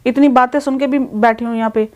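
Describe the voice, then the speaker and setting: A woman's voice: fairly high pitch, fairly even intonation, brisk, dull audio. A middle-aged woman playing an upset mother who complains about her daughter in a family vlog skit.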